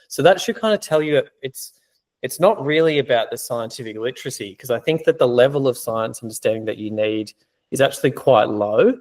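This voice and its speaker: Man tutoring casually in a Q&A. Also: mid-range voice. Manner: conversational, explaining with many fillers. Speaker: exam prep tutor. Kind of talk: casual teaching Q&A.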